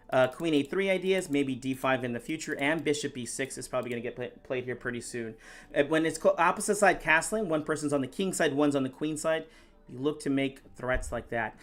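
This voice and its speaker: Man, slightly higher-pitched voice, live chess play-by-play, thinking aloud, talking to viewers, soft background music. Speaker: chess streamer and master commenting on his live games.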